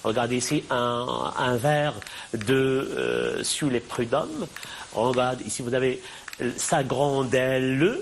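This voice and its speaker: A man giving a televised university lecture, halting and repeating words, often asking questions and answering them himself. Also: medium pitch, slight background noise.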